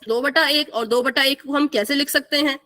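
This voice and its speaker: A woman's voice: sits high, steady tone, moderate pace, bright, forceful tone. A young woman teaching a live online math class, asking the students questions and repeating the key answers.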